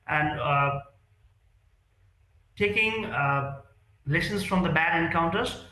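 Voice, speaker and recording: A man, speaking in a fairly high, bright and forceful voice. He answers interview questions earnestly, pausing on fillers and restarting his sentences. The room around him rings with echo. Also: slight background noise. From Nepal. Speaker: real estate sales executive, guest.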